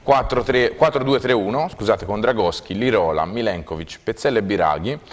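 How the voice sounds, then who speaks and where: A man's voice: fairly low pitch, normal speed. A man in his thirties presenting live on television as a studio co-presenter. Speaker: studio co-presenter reading viewer contributions. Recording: reverberant studio, faint background noise.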